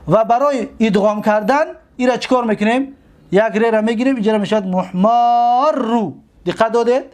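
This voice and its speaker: High-voiced Tajik male teacher. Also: a little mellow. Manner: drills terms and quizzes the class. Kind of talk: classroom lecture.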